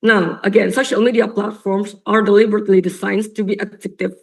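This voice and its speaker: A young woman, her voice raspy from a coughing fit, gives a competitive debate speech at an online or stage venue. Speaking fairly quickly in a level tone and ordinary middle pitch, she argues earnestly and emphatically, circling back and repeating phrases for stress.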